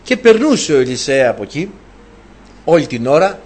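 A man's voice: a little high, sing-song, darkish tone, breathy edge. A man preaching a sermon, retelling a story animatedly and asking his listeners rhetorical questions.

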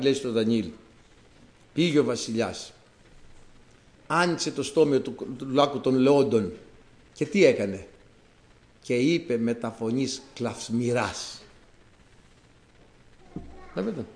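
A man from Greece preaching a sermon to his congregation, talking in an animated way and rising to emphatic outbursts. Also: medium pitch, long pauses.

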